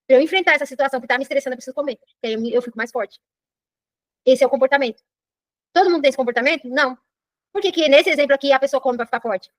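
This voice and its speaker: Speaking super fast in a high pitch, a Brazilian woman coach runs a live online personal development class, her Brazilian Portuguese accent clear and her manner animated. She asks "entendeu?" again and again. The sound is dry and close, without any room sound.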